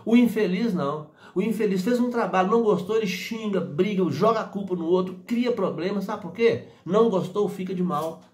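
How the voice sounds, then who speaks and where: High-voiced man giving a motivational talk. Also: fairly quick, hardly any pauses, darkish tone, reverberant. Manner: acts out quoted voices and laughs often. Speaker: motivational speaker. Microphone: phone selfie camera.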